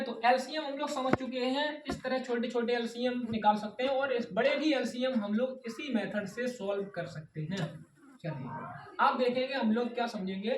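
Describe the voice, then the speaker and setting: A woman tutor giving a blackboard maths lesson, who asks a question and then repeats the answer. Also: on the high side. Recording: echoey room, distant mic, background noise.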